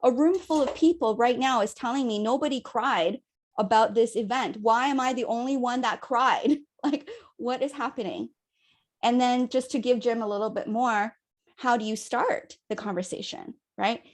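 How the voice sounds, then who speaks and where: A young adult woman leading a communication workshop, talking in an animated, chatty way and acting out quotes. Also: on the high side, moderate pace. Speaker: workshop facilitator.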